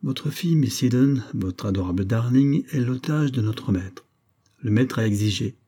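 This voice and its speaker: A man's voice: medium pitch, moderate pace, warm tone, slightly rough, natural voice. A man voicing a grave, formal male secret-society master in an audiobook, speaking in a solemn, ceremonious way.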